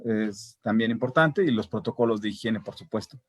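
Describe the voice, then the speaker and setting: A man's voice: lowish voice, normal speed, slightly rough, no echo. A man speaking as a parent on a casual discussion panel, talking hesitantly with many fillers and tag questions as he works through numbered points. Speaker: parent guest.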